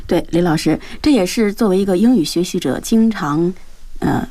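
A woman's voice: lowish voice, normal speed, dark tone, soft background music. A woman hosting a radio English lesson, asking questions and repeating words after the reader. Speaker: host.

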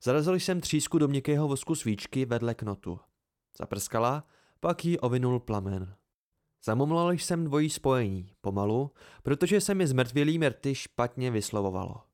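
A man's voice: mid-range voice, expressive, darkish tone. Man reading a first-person novel aloud. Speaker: audiobook reader. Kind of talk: amateur first-person audiobook narration.

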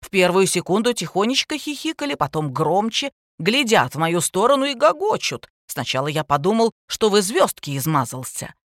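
A man's voice: high voice, sing-song, moderate pace, hardly any pauses, fairly bright tone, no room sound, clean studio sound. A reader voicing a pompous, angry male history teacher who rants with indignation. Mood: aggrieved. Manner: indignant, ranting.

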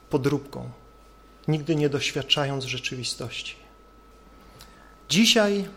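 A male preacher delivering an earnest sermon, building his points with rhetorical questions. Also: on the high side.

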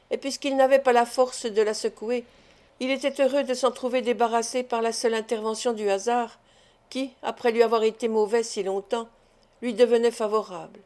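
A woman's voice: a little high, a little mellow. A woman narrating a classic novel as an audiobook reader, reading expressively.

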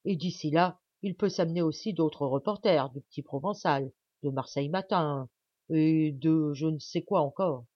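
Brief: gruff, impatient country doctor, loud and blustering, as a woman reader puts him on; dry, dull recording. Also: deep voice, normal speed, no echo. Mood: urgent.

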